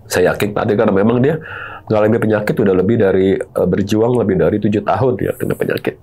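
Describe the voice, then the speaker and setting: Middle-aged man, low husky voice, confessional storytelling, earnest and pleading. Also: quick pace, dark tone. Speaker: guest telling his story.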